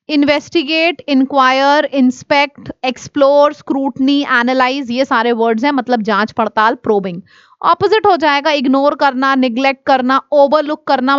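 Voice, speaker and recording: A woman teaching exam vocabulary, listing synonyms and antonyms in quick drilling runs. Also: sits high, no echo, highs cut off. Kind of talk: exam-prep vocabulary lesson.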